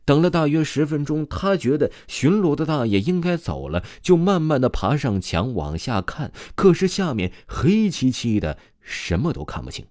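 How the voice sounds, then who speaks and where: Animated, mellow-voiced male storyteller. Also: on the high side, no echo, studio quality. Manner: chatty, filler-laden telling with drawn-out particles. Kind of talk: casual ghost story narration.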